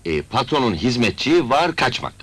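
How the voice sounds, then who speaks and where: A man's voice: medium pitch, big pitch swings, normal speed, a bit bright, slightly rough, no echo. An actor playing a sly middleman who speaks broken Turkish with odd grammar and chuckles, in a film comedy. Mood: smug. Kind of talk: 1980s film comedy acting.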